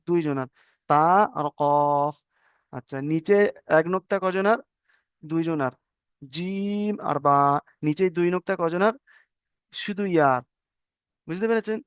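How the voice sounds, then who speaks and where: A man's voice: high voice, clear, resonant tone, no room sound, studio quality. A man teaching Arabic letters, patiently repeating letter names and checking that students follow. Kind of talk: online lesson on Arabic letters.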